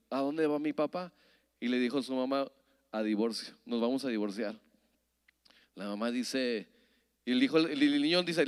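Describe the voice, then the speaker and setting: A man's voice: a little high, smooth, long reverb tail. A man preaching a sermon and telling stories, often checking with his listeners by asking "¿verdad?". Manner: storytelling, keeps asking "¿verdad?" of the congregation. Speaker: pastor.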